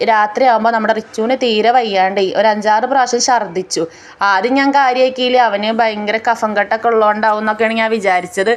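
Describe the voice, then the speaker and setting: A woman from the tells her family's day in a chatty voice-over. She talks quickly and her voice sits a little high. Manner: chatty, tells the story step by step. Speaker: family vlogger. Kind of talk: casual voice-over narration.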